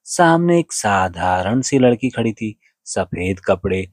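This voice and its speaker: Brief: earnest male storyteller, lower pitch, dry recording. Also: sing-song, takes it slowly, dry recording. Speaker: narrator. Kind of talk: devotional story narration.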